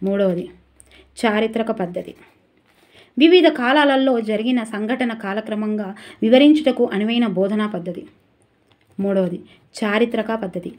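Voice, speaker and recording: A woman teacher giving a brisk, chatty exam revision lesson and turning aside to talk to viewers. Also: mid-range voice, a little mellow.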